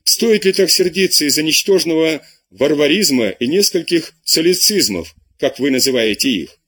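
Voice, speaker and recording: Man voicing a pleading teen schoolboy in an audiobook, husky, lively pitch. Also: moderate pace. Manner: begging, apologetic. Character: pleading 17-year-old male pupil, timid.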